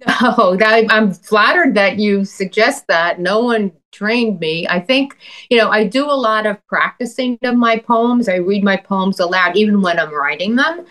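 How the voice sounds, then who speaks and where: A woman's voice: medium pitch, unhurried, fairly bright tone, low-quality recording. A woman poet from New York City with a Queens accent, speaking thoughtfully as an interview guest. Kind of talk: thoughtful interview talk and poem reading.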